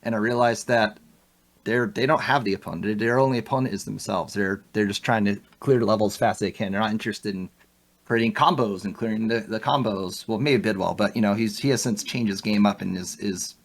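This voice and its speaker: A man's voice: fairly low pitch, fairly quick. A young man as a podcast guest, talking casually and animatedly, laughing often and restarting his sentences. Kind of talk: casual interview chat.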